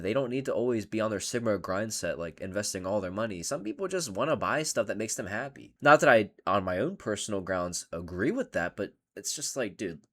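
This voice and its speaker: A man hosting a casual reaction video, ranting in an animated and sarcastic way. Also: on the low side.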